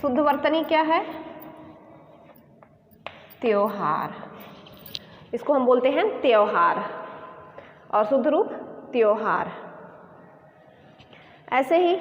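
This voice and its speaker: A woman teacher giving a spelling lesson, talking slowly and deliberately and repeating each word for emphasis. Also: high-pitched, highs cut off. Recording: echoey room with long reverb, faint noise.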